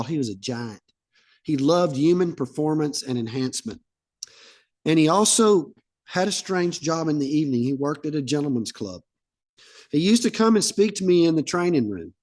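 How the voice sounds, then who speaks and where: A man's voice: on the high side, lively intonation, moderate pace, darkish tone. Man preaching in a chatty, storytelling way. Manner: conversational, anecdotal preaching that acts out dialogue. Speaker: pastor. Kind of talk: sermon.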